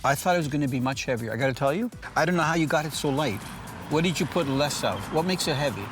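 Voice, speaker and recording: A man's voice: fairly high pitch, expressive, fast talker, a bit bright, faint music behind. A man hosting a fishing show, chatting casually and teasing his guest over a meal. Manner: joking, teasing, talks while eating.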